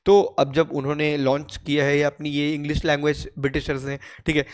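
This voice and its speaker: A man from India with an Indian accent, explaining English grammar to learners, often asking if they follow and reading examples slowly. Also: fairly high pitch, little pitch movement. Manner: repeats "ठीक है?" to check understanding, reads English examples slowly. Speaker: English teacher.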